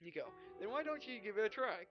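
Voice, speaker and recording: Very animated and fast, this high-voiced gaming video host stumbles and rambles through a let's play, voicing game dialogue with filler syllables and side comments. Game music plays in the background of the muffled, lo-fi recording.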